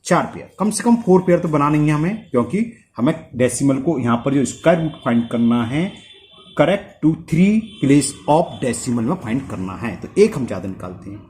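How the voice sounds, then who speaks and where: Lively man teaching maths. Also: medium pitch, moderate pace. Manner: talks through sums aloud, checks himself, asks "clear?". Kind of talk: step-by-step maths tutorial.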